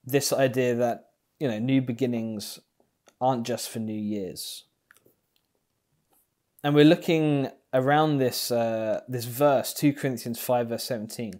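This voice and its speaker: Facing the camera with an earphone mic, a young man gives an online sermon from a small room in his home. He is a pastor whose medium, somewhat mellow voice stays unhurried and thoughtful, full of ums.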